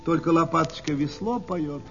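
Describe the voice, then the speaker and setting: A man reading a folk tale aloud in an expressive, lilting storytelling manner. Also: moderate pace, over music. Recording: dull recording with faint rumble.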